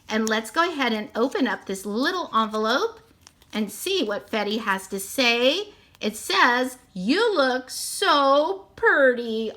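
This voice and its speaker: A woman's voice: a little high, sharp tone. A woman narrating a toy unboxing, gushing sweetly and repeating how cute everything is.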